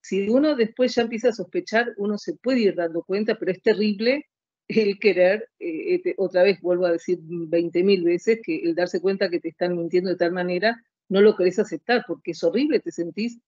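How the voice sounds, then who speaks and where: A woman's voice: lowish voice, normal speed, a little mellow, no echo, highs cut off. A woman in her late fifties telling her own story as an interview guest, rambling and heartfelt. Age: 50s. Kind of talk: emotional personal account.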